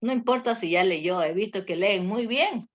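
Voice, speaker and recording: A woman's voice: medium pitch, normal speed, dry recording. A woman teacher giving a class lecture, with many fillers and tag questions. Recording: muffled lo-fi audio.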